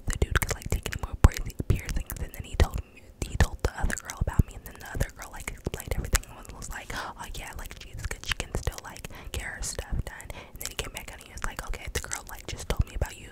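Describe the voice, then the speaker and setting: A young woman speaks entirely in whispers, right up against the microphone. She tells a personal story in an ASMR style, casual and slangy, rambling along with frequent hesitations. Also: poor audio. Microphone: very close microphone.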